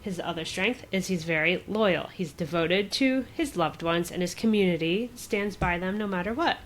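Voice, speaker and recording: A woman co-hosting a podcast, chatting casually and retelling a story with lots of "like" and quick laughs. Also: fairly low pitch. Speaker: podcast co-host. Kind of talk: casual chat.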